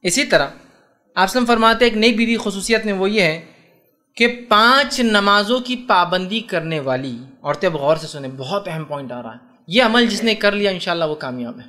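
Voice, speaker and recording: A man preaching an Islamic sermon, explaining his text line by line and often checking whether his listeners have understood. His voice sits a little high and rings bright and forceful, and his delivery is lively. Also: moderate pace. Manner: animated, asks listeners rhetorical questions. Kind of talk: sermon on hadith.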